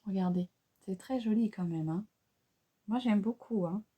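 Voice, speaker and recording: This beauty vlogger is a woman with a French accent whose medium-pitched voice sounds mellow and husky at a normal speed. She chats through a makeup tutorial in a casual, hesitant way, full of fillers and restarts.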